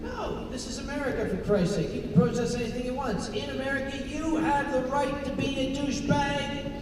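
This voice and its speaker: Man, New England accent, very high voice, deadpan joker, echoey hall, crowd noise. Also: fairly quick, recorded from a distance. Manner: deadpan tall tales. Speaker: convention panelist. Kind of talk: joking panel banter. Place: convention hall stage.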